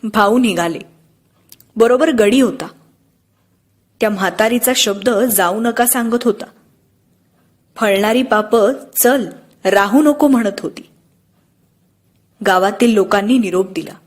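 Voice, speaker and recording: A woman narrating an audiobook in a steady, expressive storytelling manner. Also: mid-range voice, unhurried, pauses often.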